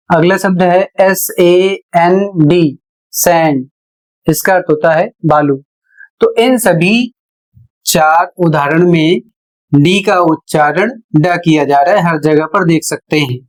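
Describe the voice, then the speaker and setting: A man teaching English pronunciation, explaining rules step by step and spelling each example word out letter by letter. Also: high voice. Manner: deliberate, spells words letter by letter. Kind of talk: classroom-style explanation.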